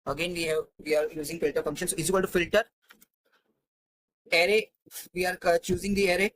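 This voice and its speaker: A man's voice: sits high, little pitch movement, brisk, fairly bright tone, low-quality recording. A man teaching a spreadsheet tutorial, thinking aloud with many fillers and restarts. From India. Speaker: Excel tutor. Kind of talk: screen-recorded spreadsheet tutorial.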